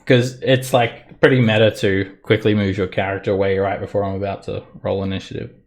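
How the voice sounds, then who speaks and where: A man running an online tabletop game as game master, narrating casually with halting, improvised phrasing. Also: on the low side, little pitch movement.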